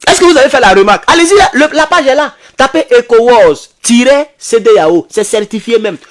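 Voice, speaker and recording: Animated, lively high-voiced man. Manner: excitable, rhetorical, addresses viewers as comrades; reads English then translates haltingly. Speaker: political commentator. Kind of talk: animated political commentary to viewers.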